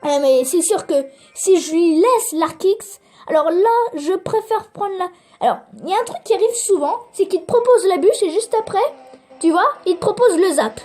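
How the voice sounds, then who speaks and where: A woman giving excitable live gameplay commentary, swearing and urging the game on while talking straight to her viewers. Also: extremely high pitch, moderate pace, soft background music. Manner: addresses viewers directly. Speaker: gaming video creator.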